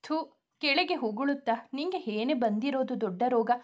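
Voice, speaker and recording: A woman voicing a young elder brother who teases his sisters and turns quiet when hurt. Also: high voice, expressive, moderate pace, dull audio. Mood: teasing. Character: loving, teasing young man, an elder brother.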